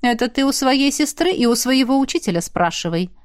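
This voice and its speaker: A woman voicing a hoarse, grumbling computer program. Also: high voice, expressive, a little fast, no echo, clean studio sound, voice pushed up. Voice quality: hoarse, raspy. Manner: grumbling, indignant. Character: grumpy male AI program, know-it-all.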